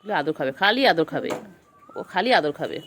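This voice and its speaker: A woman's voice: deep voice, expressive, fairly quick, a little hiss or hum. A woman at home talking baby talk to her cats, cooing and repeating their pet names in a sing-song way. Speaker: cat owner filming her pets.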